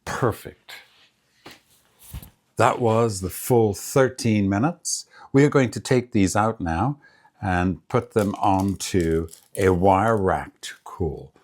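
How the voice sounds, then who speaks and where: A man hosting a casual home cooking demonstration, chatting in a relaxed way and savoring the food aloud as he tastes it. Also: on the low side, slow pace.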